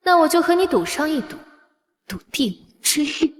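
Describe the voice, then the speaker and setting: An actress playing a cunning, defiant young palace consort in a period costume drama, sly and mocking. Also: female voice, high-pitched, very animated, normal speed.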